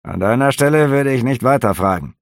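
A gruff, guarded half-elf officer, read by a man in a fantasy audiobook. He growls his short answers coldly, with a gravelly edge, a little raised and louder than the narration. The sound is close and dry. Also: mid-range voice, lively intonation, brisk, dry recording, voice pushed up. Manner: growling, curt, cold.

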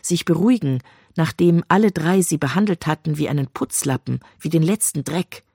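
Narrator for a novel, gravelly mid-pitched voice, dry close sound, even delivery. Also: normal speed, no echo. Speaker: audiobook narrator.

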